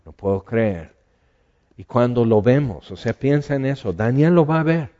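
A man's voice: medium pitch, moderate pace, dark tone, dull audio. A man preaching a sermon in a conversational way, asking the listeners questions.

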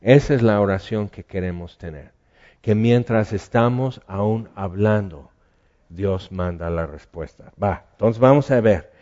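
A man's voice: lowish voice, measured pace, warm tone, highs cut off. A man preaching a sermon in a conversational way, asking the listeners questions.

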